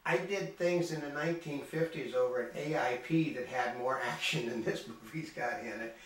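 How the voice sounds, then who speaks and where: An older man reporting on a film festival in casual chat, rambling and halting with many restarts. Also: medium pitch, fairly bright tone. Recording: echoey room from far off, faint ambience.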